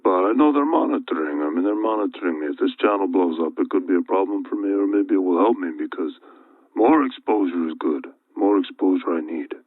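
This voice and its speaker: Older guy, very deep voice, kinda hoarse, anxious and repeating himself, sounds like a phone line. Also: expressive, no room sound. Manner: anxious, repetitive, halting restarts. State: losing his voice. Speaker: video channel host. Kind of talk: worried monologue to viewers. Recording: tinny phone-like dry audio.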